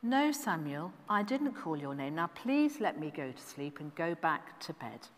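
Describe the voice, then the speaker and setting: Woman playing an old priest, patient, gently firm, lively pitch, echo. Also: measured pace, heavily acted. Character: old male priest, sleepy and puzzled. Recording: echoey church hall.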